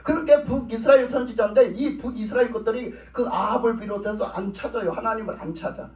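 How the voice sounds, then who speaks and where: High-voiced preacher in an echoey church. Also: male voice, quick pace, a little mellow. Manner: asks the congregation questions and answers them; plain conversational speech with repeated phrases. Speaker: pastor. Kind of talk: sermon. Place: church sanctuary. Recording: roomy, distant, dull church recording.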